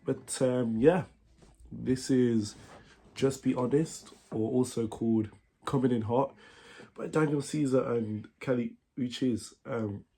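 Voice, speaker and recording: Nasal and congested from a cold, a man teaches a guitar song in a halting, casual manner, with lots of fillers and self-corrections. His voice is medium-pitched, steady, and mellow, and guitar plays in the background.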